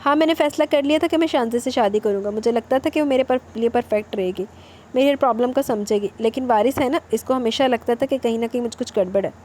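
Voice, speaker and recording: A woman's voice: a little high, a little mellow, slight background noise, close to an everyday voice. A woman reading a reproachful young husband. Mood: confessing. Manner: earnest, lecturing, insistent. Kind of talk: romance novel reading.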